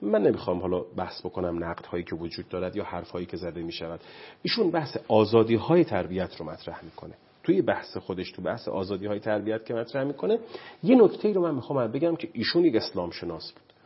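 A man's voice: lowish voice, sing-song, husky, muffled recording. A man speaking as a guest on parenting, preachy and impassioned, often quoting scripture. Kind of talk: animated studio talk.

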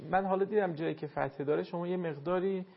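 A man's voice: high-pitched, gravelly, highs cut off, noisy background. A man teaching Quran recitation on air, giving a caller formal, courteous and instructive feedback.

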